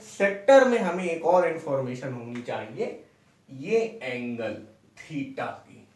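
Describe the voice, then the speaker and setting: Recorded from a distance in a reverberant classroom, a young man with a slightly high voice lectures on maths at the board. He breaks things down step by step, frequently pausing to ask his students "ठीक है?"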